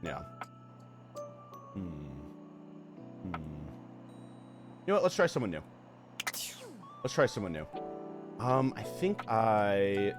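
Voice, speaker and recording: A man streaming a game with casual, jokey commentary, reacting in an animated way. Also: on the low side. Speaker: gameplay streamer.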